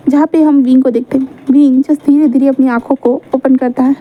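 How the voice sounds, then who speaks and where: A woman's voice: high-pitched, steady tone, brisk, narrow, tinny audio. A woman casually narrating a romance fan fiction story. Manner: casual retelling with fillers.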